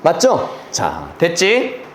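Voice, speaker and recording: A man's voice: on the high side, huge pitch swings, very slow, slight background noise. A man teaching a class, lecturing through an exam passage and checking in constantly with rhetorical questions and blunt slang. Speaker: English teacher. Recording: roomy echo with faint ambience.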